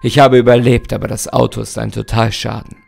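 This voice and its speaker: A man's voice: level tone, a little fast, gravelly, a little mellow, breathy edge, faint music behind. A man reading aloud, voicing a shaken, haunted man who speaks grimly and heavily. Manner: grim, low and heavy.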